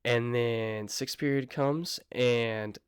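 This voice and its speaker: A young man tells a story to his viewers in a relaxed, slang-filled way, often pausing to apologize or check in with them. His voice sits at an ordinary middle pitch. The recording is dry, with no room sound around him. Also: clean tone, dry recording. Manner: slangy, laid-back, apologetic asides. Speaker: vlogger. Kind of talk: casual storytime vlog.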